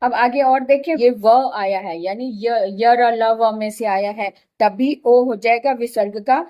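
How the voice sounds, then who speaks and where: A woman's voice: fairly high pitch, measured pace, dull audio. A woman teaching a Hindi grammar lesson, patiently repeating letters and examples one by one. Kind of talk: slow explanatory lesson.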